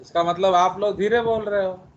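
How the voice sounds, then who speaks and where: A male biology teacher giving an online class, explaining slowly, asking students questions and scolding them at times. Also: sits high, fairly even intonation, dull audio. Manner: scolding, mixing Hindi with English phrases.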